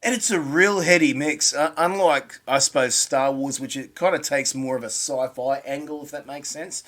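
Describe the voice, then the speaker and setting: A man's voice: fairly high pitch, a bit bright. An Australian man hosting a podcast, talking in a playful, easygoing way. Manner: broad, playful, hams up his accent. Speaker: podcast host. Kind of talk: casual podcast chat.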